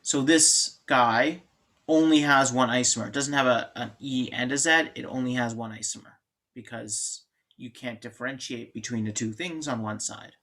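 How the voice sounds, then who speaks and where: A man's voice: mid-range voice, normal speed, a bit bright. A man lecturing on chemistry in an informal, joking way, thinking aloud and restarting sentences. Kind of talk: classroom lecture.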